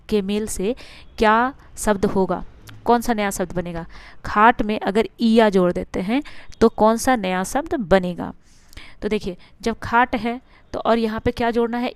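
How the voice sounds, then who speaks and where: A woman teacher going through grammar quiz answers. She asks the class questions and then answers them herself, and she stretches words out slowly to stress their sounds. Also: medium pitch, clean tone, no echo.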